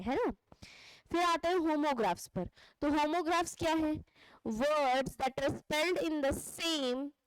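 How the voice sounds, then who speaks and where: A woman's voice: high voice, no echo, low-quality recording. A woman teaching an English lesson, asking questions and answering them herself. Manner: asks questions and answers them herself, ends points with "theek hai". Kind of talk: classroom lesson explaining grammar.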